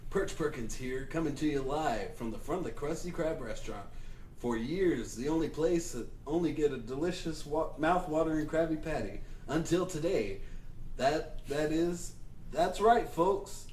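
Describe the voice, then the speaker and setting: A hammy fish news reporter, played by a man with a lively, swooping newscaster voice. Heard at a distance in an echoey home room with light hiss. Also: fairly high pitch, moderate pace, natural voice. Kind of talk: amateur fan voice acting.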